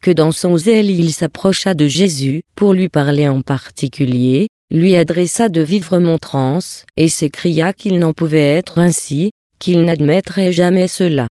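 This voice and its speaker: A reader giving a steady, even scripted narration of a religious text for an audiobook. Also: mid-range voice, a little slow, hardly any pauses, dry recording, studio quality.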